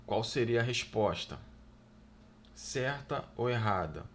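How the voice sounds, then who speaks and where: A man teaching an exam-prep grammar lesson, reading each question slowly and louder, then answering in a quick, low aside and checking in with "tá?" and "né, gente?". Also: expressive, a little hiss or hum. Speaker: Portuguese exam tutor.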